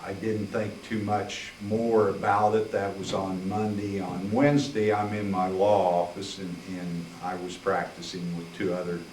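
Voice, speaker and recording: An older man recounting his memories in a rambling public talk, full of fillers and throat clearing, heard from a distance in a library meeting room. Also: low-pitched, little pitch movement, a little slow, few pauses, a little mellow. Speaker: guest speaker, attorney. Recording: roomy, distant, faint hiss.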